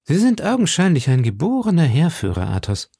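A man's voice: fairly high pitch, wildly swooping pitch, dark tone, slightly rough, no room sound, studio quality, voice pushed up, exaggerated voice. Aramis, a man voicing a courtly young musketeer. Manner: measured, courtly. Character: young gallant male musketeer, poetic and coy.

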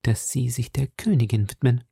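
A loyal, anxious young woman giving hushed, urgent warnings, as a male reader puts her on, in a storybook reading. The voice stays gravelly and close in a dry space. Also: mid-range voice, normal speed, no echo.

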